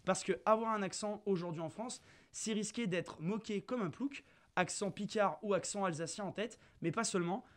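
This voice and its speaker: Young male debater, formal read argument, slightly high voice. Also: normal speed. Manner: formal, addresses listeners. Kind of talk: prepared argument read on radio.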